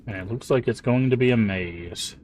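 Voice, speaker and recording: Low-voiced man streaming a game. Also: moderate pace, slight background noise. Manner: relaxed, chatty, mumbles asides. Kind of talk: casual live-stream commentary.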